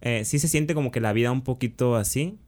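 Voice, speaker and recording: A man's voice: medium pitch, fairly quick, a little mellow. Slangy young Mexican man telling a story. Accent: Mexican Spanish. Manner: slangy, peppers speech with "güey", restarts often. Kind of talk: casual storytelling chat.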